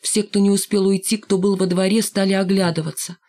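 A woman narrating a first-person story in a measured, expressive reading. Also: medium pitch. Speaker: audiobook narrator.

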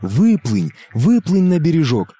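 A man's voice: fairly high pitch, big pitch swings, unhurried, warm tone, breathy edge, voice pushed up, exaggerated voice. A man voicing a pleading little fairy-tale boy who becomes a baby goat, calling out in a plaintive singsong. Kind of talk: fairy-tale character acting.

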